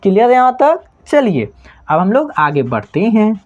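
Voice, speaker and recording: A woman with a Bhojpuri-tinged Hindi accent teaches a math lesson, and her pitch swings widely from phrase to phrase. She keeps pausing to ask whether the class has understood. The recording sounds slightly dull and lo-fi. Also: sing-song, a little mellow. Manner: keeps checking understanding with repeated questions.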